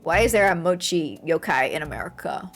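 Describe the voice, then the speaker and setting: Animated woman streamer with lively pitch. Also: a little fast. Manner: animated, playful, swears casually. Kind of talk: live gameplay commentary. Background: faint game music.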